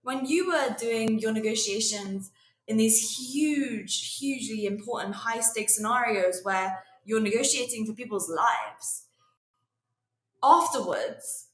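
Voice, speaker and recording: A woman with a fairly high voice conducts a conversational interview. She talks in an emphatic, engaged way as she builds up to her questions. The sound is roomy and echoing. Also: slow, fairly bright tone.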